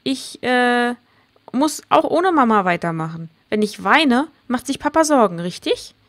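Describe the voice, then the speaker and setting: A woman's voice: fairly high pitch, very animated, unhurried. A woman voicing a plucky, stubborn young girl who speaks bluntly and earnestly, reading game dialogue aloud. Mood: coaxing.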